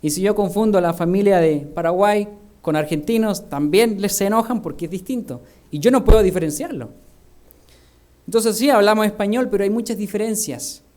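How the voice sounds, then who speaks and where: A man's voice: sits high, a little mellow. A male minister with a Chilean Spanish accent, preaching a sermon full of rhetorical questions. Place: church.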